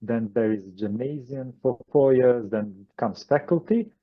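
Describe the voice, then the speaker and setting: A man from Croatia with a Croatian accent, answering interview questions as a guest, pausing often with fillers and restarts over a video call. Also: mid-range voice, lo-fi sound. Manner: hesitant, many fillers and restarts. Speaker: guest channeler.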